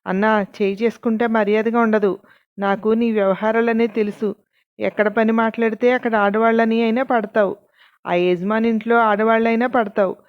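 A woman's voice: fairly high pitch, fairly even intonation, moderate pace, highs cut off, natural voice. A woman voicing a blunt, defiant male mason who fires back taunting retorts in a told story.

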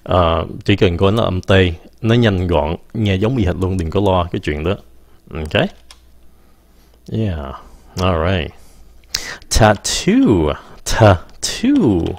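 A man giving a casual live-streamed English pronunciation lesson, stopping to say words slowly and mixing English phrases into his talk. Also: low voice, no room sound.

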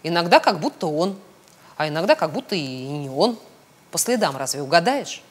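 Woman doing a slow musing little bear. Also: lowish voice, very animated, slightly rough, voice pushed down. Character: small thoughtful slow-witted male teddy bear.

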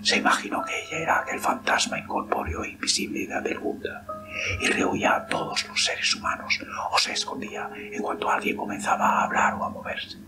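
A man reading a ghost story aloud in a steady, hushed whisper throughout. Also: a little fast, music in the background, poor audio. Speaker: narrator.

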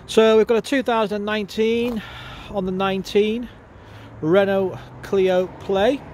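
Bloke selling used cars, bit high pitched, bunged up with a cold, chatty, lots of outdoor noise behind him. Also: male voice, steady tone, unhurried, darkish tone. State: congested with a cold. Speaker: used car salesman. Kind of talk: casual walkaround sales presentation. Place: outdoors at a car lot, walking around a car. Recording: outdoor handheld video with clear background noise.

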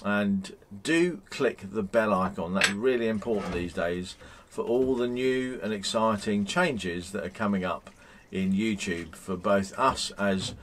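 A man's voice: on the low side, unhurried, few pauses, fairly bright tone, a little hiss or hum. A man in his fifties chatting casually to camera from inside a motorhome, rambling with frequent ums and restarts. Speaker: vlogger. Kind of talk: casual vlog chat.

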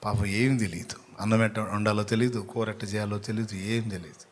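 Low-voiced male preacher telling a story. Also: level tone, brisk. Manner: sympathetic storyteller. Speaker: pastor. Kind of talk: storytelling sermon.

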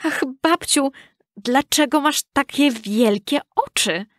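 A woman's voice: lively intonation, slow pace, no echo, clean studio sound. A woman doing a frightened little girl. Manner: high, bright childlike voice. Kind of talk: storybook reading.

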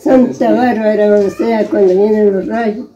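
A woman's voice: medium pitch, fairly even intonation, measured pace, echoey room, very noisy. A frail great-grandmother over a hundred years old with a rural Nicaraguan accent, recounting her life and repeating herself as she goes. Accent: rural Nicaraguan Spanish. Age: over 100, very old. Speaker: interviewee. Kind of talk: recounting life memories in conversation. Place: small brick room at home. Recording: dull lo-fi phone video sound.

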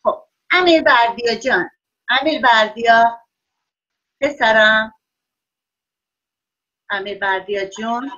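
A woman teaching a class of young children over a video call, praising them often and drawing out words slowly so they can write them down. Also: on the high side, pushed and bright, lo-fi sound. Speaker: primary school teacher.

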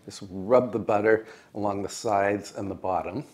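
An older American man hosting a home cooking show, explaining each step in a calm, precise, gently encouraging way in his kitchen. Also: lowish voice, normal speed, a little hiss or hum. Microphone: lapel mic.

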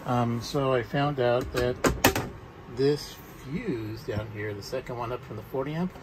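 A man filming a walk-through of his camper trailer on a handheld phone, explaining things in a plain, halting way with many ums and restarts. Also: medium pitch, heavy background noise. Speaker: camper owner showing a solar install. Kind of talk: casual walk-through narration. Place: outdoors and inside a small camper trailer.

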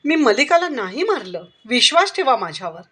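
A frightened young male suspect from an audio storybook, as a woman reads him. He pleads and confesses his story. The voice sits somewhat high. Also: big pitch swings, moderate pace, sharp tone, slightly rough, heavily acted. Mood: pleading.

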